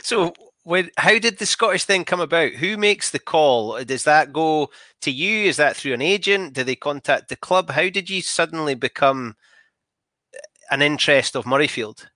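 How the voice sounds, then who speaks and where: Bright-voiced male interviewer, dry close sound. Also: fairly high pitch, expressive, moderate pace, no echo. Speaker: interviewer, host. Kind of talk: conversational interview questioning.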